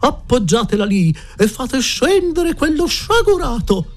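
A man's voice: extremely high pitch, sing-song, unhurried, faint music behind, pitched above the performer's own voice, heavily acted. A man voicing a pompous, theatrical woman who runs a boarding school, declaiming her words imperiously. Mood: dramatic, imperious.

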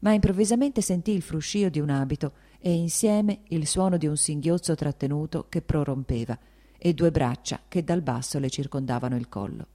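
A woman narrating a novel in a calm, measured audiobook reading. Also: low-pitched. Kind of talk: scripted narration.

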